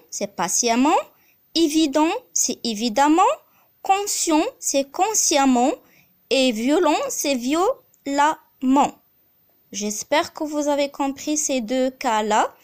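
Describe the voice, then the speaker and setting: A woman teaching a grammar lesson as a voice-over, spelling out letters and repeating each example. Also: sits high.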